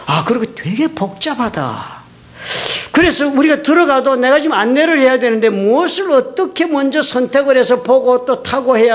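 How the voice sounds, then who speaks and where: Middle-aged male pastor, high-pitched, lively preacher acting out his stories. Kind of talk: sermon with storytelling.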